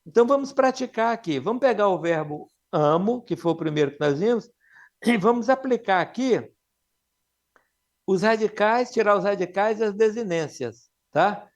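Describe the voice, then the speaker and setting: A Brazilian man with a notably high voice leads a live classroom lesson. He drills his students patiently with questions and slows down to sound out each word for them to repeat. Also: animated, dull audio. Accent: Brazilian Portuguese. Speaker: Latin teacher.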